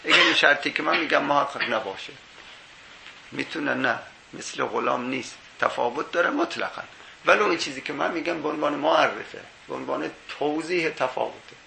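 A man lecturing on jurisprudence with a heavily gravelly, bright, slightly high voice. He reasons point by point, weaving in Arabic quotations and rhetorical questions. The sound is roomy, as in an echoey classroom. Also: slight background noise. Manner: explains step by step, quoting Arabic texts and asking rhetorical questions. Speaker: teacher of Islamic jurisprudence.

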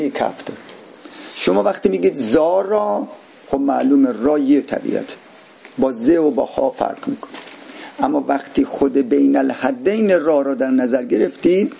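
Male lecturer, fairly high-pitched and heavily creaky, teaching a philosophy class and drawing out key terms. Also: dark tone, a little hiss or hum. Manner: asks the class for agreement, slows to stress key terms.

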